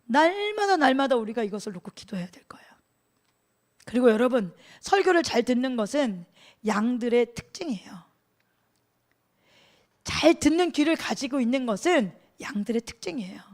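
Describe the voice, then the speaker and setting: A middle-aged woman pastor preaching a sermon in a lively, conversational way, asking the congregation questions and laughing often. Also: a little high, moderate pace, long pauses.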